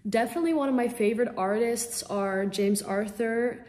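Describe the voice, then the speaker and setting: Her voice is a little high and a little mellow, and she talks at a moderate pace. A young woman from the Netherlands, she is a singer-songwriter doing a casual video-call interview from a small room at home, eager and bubbly, with frequent ums.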